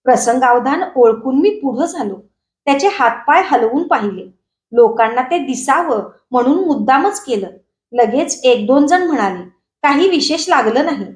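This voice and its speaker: A woman reading a short story aloud in a steady, dramatic storytelling manner. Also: sits high, normal speed, reverberant. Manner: steady dramatic storytelling, rising for shouted quotes. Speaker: story reader.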